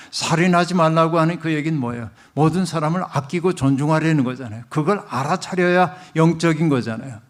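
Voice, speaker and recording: A middle-aged man preaching a sermon as a pastor, telling a story and speaking directly to the congregation. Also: on the high side.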